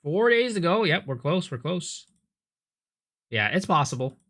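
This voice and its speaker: A game streamer, a man, chats through a live reaction with a bright, forceful tone. He gets animated and trips over his words, repeating them as he reacts. His speech stays casual and conversational. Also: a little high, unhurried. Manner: animated, stammers and repeats words when excited.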